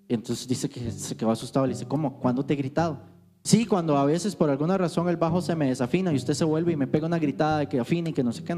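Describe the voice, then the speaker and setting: A man's voice: on the high side, warm tone. A man teaching on worship, telling stories in a loose, conversational way. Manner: conversational storytelling with anecdotes.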